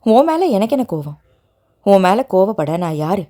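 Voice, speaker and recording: A woman doing a hot-tempered college girl, sharp and scolding, audio novel figure, lively pitch. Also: moderate pace, close to an everyday voice. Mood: sulky. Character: hot-tempered young woman college student, fiercely loyal.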